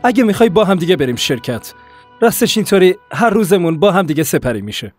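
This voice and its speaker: A man's voice: high voice, sing-song, faint music behind. A man voicing a harried young husband who pleads with his mother in a dubbed TV drama. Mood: tender. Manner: pleading, defensive.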